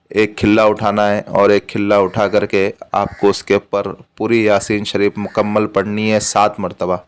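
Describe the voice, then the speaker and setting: A man with a low, smooth voice explains a religious remedy one step at a time. He speaks in an even, flat tone and repeats each instruction patiently. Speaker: spiritual remedy teacher.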